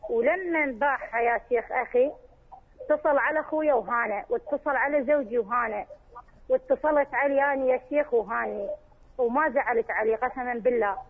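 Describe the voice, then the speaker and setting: Fast-talking woman on a phone line. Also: on the high side, husky. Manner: earnest, pleading, addresses the sheikh often. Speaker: caller. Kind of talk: call-in question to a religious scholar.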